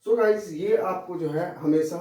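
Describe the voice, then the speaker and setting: A man teaching a classroom lesson at a very slow, deliberate pace, going over each letter again and again. His voice is fairly high and mellow, and it comes from some distance off in a very echoey room. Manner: slow, repetitive explaining, pointing at a board. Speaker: English teacher. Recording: very echoey room, mic far off.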